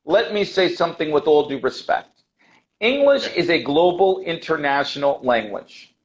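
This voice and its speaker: A man explaining as a guest teacher in an interview, emphatic and deliberate, repeating phrases to stress his points. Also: fairly high pitch, big pitch swings. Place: remote call. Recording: dull lo-fi call audio.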